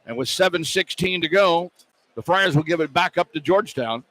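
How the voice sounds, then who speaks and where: An American radio announcer calls live basketball play-by-play and reads sponsor spots from a broadcast position inside a large indoor arena. His voice is on the high side, expressive and fairly bright, at a moderate pace, on a rough live recording full of arena ambience and noise.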